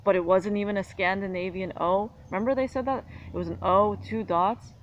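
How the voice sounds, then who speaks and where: A woman from the United States vlogs a casual monologue to camera, speaking fairly quickly at medium pitch with a steady tone. She's indignant, rambling and argumentative, and the lo-fi recording sounds dull with faint background noise.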